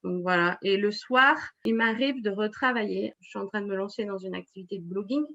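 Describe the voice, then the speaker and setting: A woman's voice: medium pitch, a little fast, fairly bright tone, dull audio. A woman in her forties, a web writer and blogger, talking in an interview with many fillers and restarts. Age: 40s. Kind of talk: casual interview.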